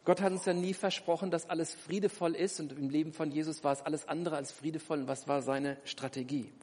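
A man's voice: on the high side, fairly even intonation, a little fast, darkish tone, husky. A man preaching a sermon, driving his points home with emphatic rhetorical questions. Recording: long hall reverb.

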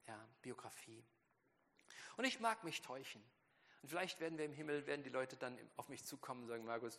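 A man's voice: medium pitch, gravelly, fairly bright tone. A man preaching a sermon with strong emphasis, acting out biblical quotes in a raised voice. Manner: emphatic, acts out quotes in a heightened voice. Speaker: pastor. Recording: long hall reverb.

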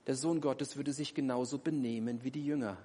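A man's voice: medium pitch, steady tone, a little fast, dark tone. A man preaching a sermon, driving his points home with emphatic rhetorical questions. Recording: long hall reverb.

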